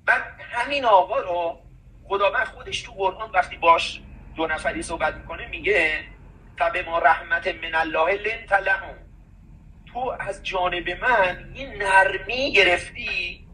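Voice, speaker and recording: A man's voice: sits high, bright, forceful tone, far from the mic, a little hiss or hum, poor audio. A man hosting a conversation, talking emphatically in a preachy way and reciting scripture.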